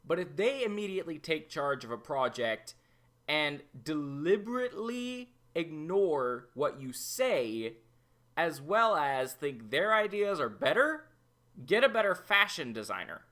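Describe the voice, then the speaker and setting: On his review program, the male host comments on an episode in a bright, animated voice. He doesn't rush, laying out his opinions one by one in a slow, deliberate way.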